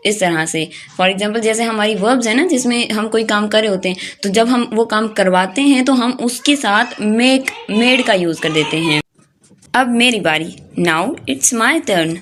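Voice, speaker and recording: A woman's voice: mid-range voice, fairly bright tone, a little hiss or hum. Pakistani woman teaching English phrases. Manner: says English phrases slowly and deliberately after the Urdu; addresses students directly, repeats for emphasis. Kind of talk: online language lesson.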